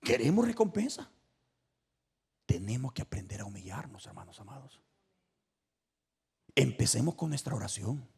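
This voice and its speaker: Husky, gravelly evangelical preacher man. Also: medium pitch, very animated, moderate pace, pauses often. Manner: swings between shouting and hushed asides; emphatic and repetitive. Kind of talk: evangelical sermon. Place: church.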